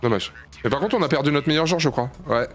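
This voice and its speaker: During a live shooter stream, a man talks as he plays, cursing often and teasing himself, with low, calm muttering interrupted by sharp high-pitched outbursts. He keeps a quick pace.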